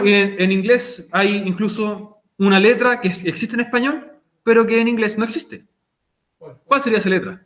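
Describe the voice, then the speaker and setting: A man's voice: fairly high pitch, fairly bright tone. A man with a Chilean accent teaching an online English class. He explains patiently, repeats the key points and chats with his students over a video call.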